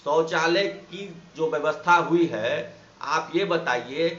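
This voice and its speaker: Speaking slowly in a fairly high, slightly bright voice, this Bihari man, a teacher and activist, pours out an impassioned monologue of indignant rhetorical questions. An echoey room, slightly dull sound and faint background noise mark the recording.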